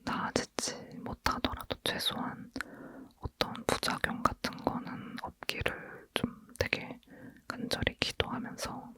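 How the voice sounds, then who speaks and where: Someone leaning in to whisper an intimate, hushed ASMR chat, speaking informally as if to a friend. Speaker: ASMR host.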